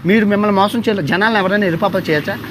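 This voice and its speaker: A young man with a Telugu accent talks very fast in a sarcastic, theatrical, pleading rant into a phone, his voice sitting a little high. A faint ambient hiss runs under him. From India. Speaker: travel vlogger on a livestream. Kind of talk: mocking livestream rant.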